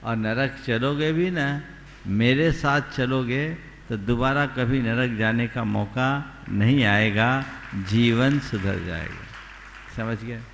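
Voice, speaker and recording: Monk giving a slow sermon, gravelly voice, big echoey hall w faint hiss. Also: male voice, medium pitch, a bit bright. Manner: slow, deliberate teaching with rhetorical questions. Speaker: Jain monk. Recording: long hall reverb, faint background noise.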